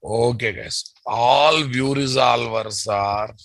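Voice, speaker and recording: A man's voice: medium pitch, takes it slowly, creaky, a bit bright, no echo. A man with a Telugu Indian English accent lecturing as a programming instructor, emphatic and repetitive, often quizzing his listeners with tag questions. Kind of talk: classroom lecture, repeating terms for dictation.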